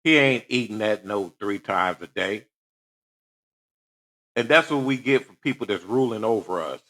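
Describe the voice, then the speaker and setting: A man's voice: fairly low pitch, animated, moderate pace, a bit bright. Preachy man reacting to the news. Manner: preachy, rhetorical questions. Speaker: commentary host. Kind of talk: reaction commentary.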